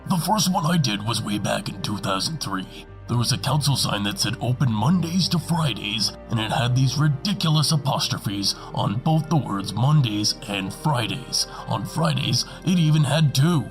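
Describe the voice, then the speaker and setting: A man's voice: medium pitch, lively intonation, moderate pace, music in the background. An anonymous man interviewed with his voice disguised for his protection, speaking in an earnest, indignant way. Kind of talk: interview soundbites.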